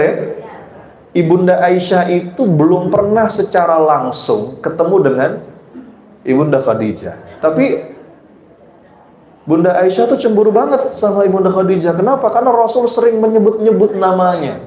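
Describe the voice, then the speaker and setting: Male preacher, conversational sermon, keeps asking the women listening questions, mellow tone, roomy hall. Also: high voice. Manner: often turns to the women listening and asks them questions; soft and slow in reflective passages. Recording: roomy hall with faint ambience.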